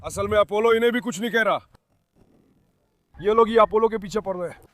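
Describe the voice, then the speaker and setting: A man's voice: high voice, fairly quick, no echo. A man talking casually to his dogs and viewers on his farm, coaxing and scolding them and calling them son.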